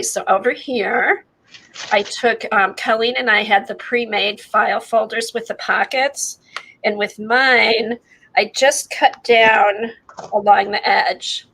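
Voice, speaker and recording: A woman's voice: fairly high pitch, pushed and bright, slight background noise, low-quality recording. A woman chatting casually as she hosts an art show and shows her craft work, rambling with many fillers, in her morning voice. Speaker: host of an art livestream. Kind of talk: casual chat while showing crafts.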